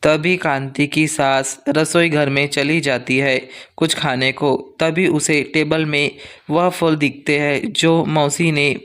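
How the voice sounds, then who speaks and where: A man narrating a cartoon story in a measured, plain storytelling manner. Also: fairly high pitch, flat delivery, fairly bright tone, clear, resonant tone.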